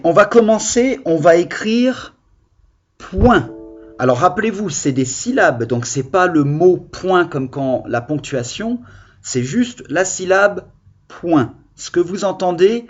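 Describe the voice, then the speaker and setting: A man's voice: a little high, lo-fi sound. A man teaching children a reading lesson on video, explaining patiently and expressively. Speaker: primary school teacher.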